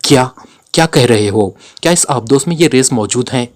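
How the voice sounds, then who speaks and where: A man's voice: medium pitch, moderate pace, close to an everyday voice. A man voicing a cold, commanding secret agent in a spy story read aloud. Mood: sharp. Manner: cold, serious delivery.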